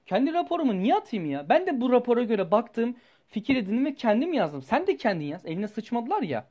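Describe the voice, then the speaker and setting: A young man, a student, telling a personal story in a rambling, animated way and swearing freely. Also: extremely high pitch, brisk. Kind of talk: casual storytelling vlog.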